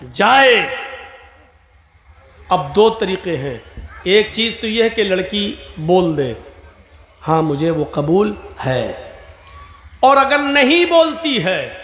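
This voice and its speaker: A man preaching a sermon at a religious gathering, animated and swinging between loud emphasis and soft asides. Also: high-pitched. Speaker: Islamic preacher. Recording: echoey hall, faint noise.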